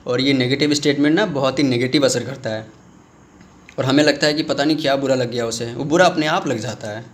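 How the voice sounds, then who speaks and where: Speaking a little fast, a man delivers a video lecture on commerce. He draws on everyday examples and addresses viewers as friends, and when he plays a student asking questions, he drops his voice lower.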